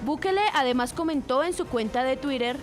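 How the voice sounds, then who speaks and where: A woman reporter reading a scripted news item in a steady, formal way. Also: high-pitched, brisk, soft background music.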